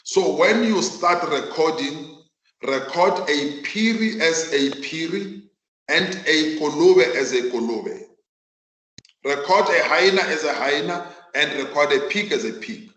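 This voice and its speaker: A South African accounting teacher whose first language is Northern Sotho runs a virtual class, speaking emphatically and deliberately and repeating phrases for effect. His voice is on the high side and a bit bright, recorded in an echoey room.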